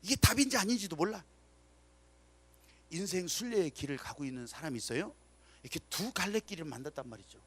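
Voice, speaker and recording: A man's voice: a little high, lively intonation, fairly quick, long pauses, a bit bright, husky. A male pastor preaching a sermon with dramatic storytelling, acting out the people in his stories and calling for amens. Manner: dramatic storytelling, acts out quotes; emphatic, calls for amens.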